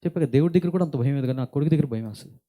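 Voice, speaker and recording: A middle-aged man delivers a church sermon, speaking slowly and deliberately and building in intensity. His voice sits a little high for a man. Its tone is very dark and mellow. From India. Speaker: pastor. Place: church hall.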